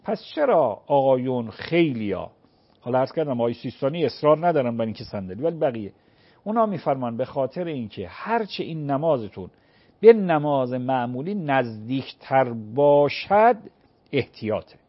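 A man answering viewers' religious questions on a call-in program, explaining patiently and slowly acting out prayer recitations. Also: mid-range voice, sing-song, muffled recording.

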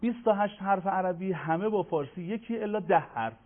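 A man teaching Quran pronunciation in a televised lesson, patient and formal, addressing viewers politely and slowing down to chant verses. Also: high voice. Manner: slows to chant Arabic verses. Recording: tinny phone-like broadcast sound.

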